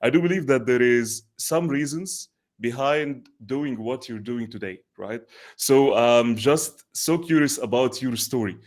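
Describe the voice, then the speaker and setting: Male host, online interview show, effusive, halting, lots of fillers. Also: mid-range voice.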